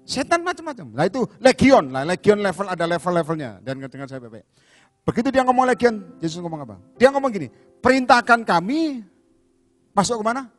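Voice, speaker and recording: Animated high-voiced preacher man. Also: a little fast, soft background music. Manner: animated, acts out voices of demons and Jesus, calls for amens. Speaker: evangelist preacher. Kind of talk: lively sermon. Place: church service.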